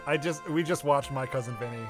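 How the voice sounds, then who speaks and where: A man's voice: mid-range voice, a little fast, music in the background. A man chatting casually as a streamer during a game.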